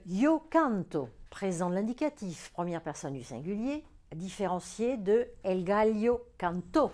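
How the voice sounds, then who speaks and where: A woman, a Spanish teacher, giving a recorded grammar lesson, speaking clearly and deliberately and stressing each example word. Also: medium pitch, warm tone.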